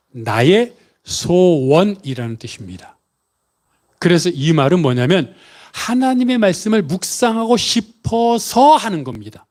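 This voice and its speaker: A man preaching a Sunday sermon as pastor, emphatic, asking rhetorical questions and stretching key words. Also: sits high. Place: church sanctuary.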